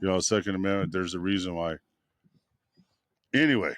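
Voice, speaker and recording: A man's voice: sits low, a little fast, no room sound. A man co-hosting a casual podcast from a campsite, rambling through stories with lots of fillers. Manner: rambling, full of "freaking" and "you know". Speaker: podcast co-host. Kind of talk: casual chat.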